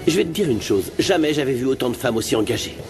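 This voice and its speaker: A man's voice: mid-range voice, lively intonation, fast talker, creaky, soft background music. An actor playing a fiancé who proudly praises his future wife, in a dubbed telenovela. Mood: affectionate. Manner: warm praise.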